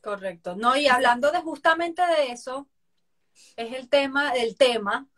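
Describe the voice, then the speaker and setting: A woman hosting a podcast interview, encouraging her guest with quick reactions and questions. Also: high-pitched, a bit bright. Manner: encouraging, reacts with short exclamations. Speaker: podcast host. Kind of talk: casual interview conversation.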